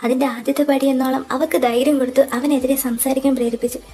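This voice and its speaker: A woman playing a tearful young college woman, a loyal younger sister, who speaks softly and hesitantly in a fan audio drama. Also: sits high, fairly even intonation, fast, a little hiss or hum, natural voice. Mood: grave telling.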